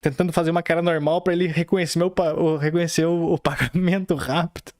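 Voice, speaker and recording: A man with a Brazilian accent, talking casually on his podcast in a somewhat high voice. He rambles through a story with lots of fillers and slang, acting out what people said, recorded dry and close. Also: steady tone, fast talker, a little mellow, dry recording. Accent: Brazilian Portuguese. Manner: rambling, slangy, full of fillers and quoted dialogue. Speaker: podcast host.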